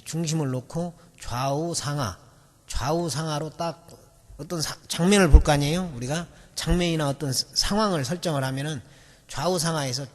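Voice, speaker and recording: A man teaching in a recorded video lecture, explaining patiently and repeating and stretching out key words. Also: fairly high pitch. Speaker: English memory-method teacher. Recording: long reverb of a hall.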